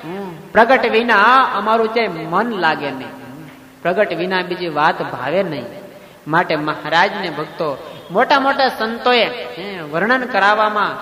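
Male preacher; high voice, retells tales and voices the dialogue, echoey hall. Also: normal speed, sharp tone. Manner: retells scripture stories, acting out dialogue, frequent hum interjections. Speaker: religious preacher. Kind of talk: storytelling sermon. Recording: echoey hall with long reverb.

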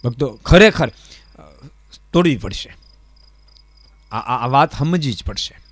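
A man's voice: medium pitch, slow pace, no room sound. A man, a monk preaching a folksy sermon, telling stories and repeating questions to the crowd. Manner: repeats rhetorical questions to the audience; lively storytelling, voices the people in his stories.

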